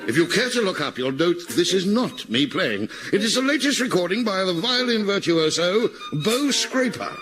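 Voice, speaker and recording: A man's voice: high-pitched, sing-song, moderate pace, hardly any pauses, music in the background. A man playing a pompous, cheeky detective. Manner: pompous and mischievous. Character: vain, pompous male detective, cheeky and boastful. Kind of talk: comic radio play acting.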